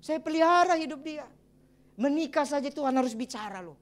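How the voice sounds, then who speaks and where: A middle-aged man, a pastor, preaching a sermon and telling his own story in a lively way with exclamations and chuckles. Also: very high voice, fairly quick. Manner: addresses the congregation as brothers and sisters. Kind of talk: sermon with personal testimony.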